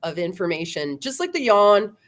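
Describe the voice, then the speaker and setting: A middle-aged woman talks as an interview guest in a loose, animated way. Her pitch swings widely as she goes, and she laughs often, tossing in "you know" and "right?" between her points. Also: normal speed. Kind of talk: casual conversational interview.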